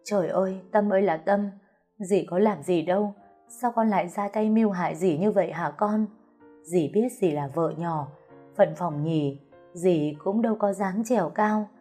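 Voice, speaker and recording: A woman's voice: lowish voice, normal speed, mellow, soft background music, lightly acted. A woman voicing a tearful, wailing older second wife in an audio story.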